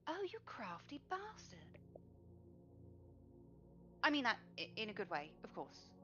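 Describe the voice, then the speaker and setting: A woman's voice: a little high, wildly swooping pitch, a little slow, pushed and bright, full character voice. A woman playing a blunt, awkward young adventurer who rambles and curses when embarrassed, in a tabletop game. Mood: flustered. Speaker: player. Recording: slightly muffled stream audio. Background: faint music.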